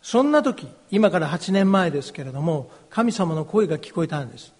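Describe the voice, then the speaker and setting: A middle-aged pastor with a high, husky voice delivers a slow, earnest, confessional testimony. His words ring out with a long hall reverb behind them. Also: animated, a little mellow. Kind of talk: personal testimony sermon.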